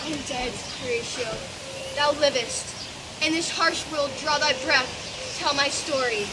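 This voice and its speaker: A woman's voice: high voice, a little slow. A woman playing an anguished, vengeful young prince in an amateur Shakespeare stage production, declaimed dramatically. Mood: dying, fading. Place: barn performance. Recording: loud steady noise, amateur live recording.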